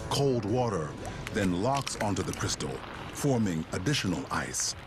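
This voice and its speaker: A man's voice: sits low, big pitch swings, measured pace. A man narrating a nature documentary from a script, with dramatic storytelling delivery. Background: music under the voice.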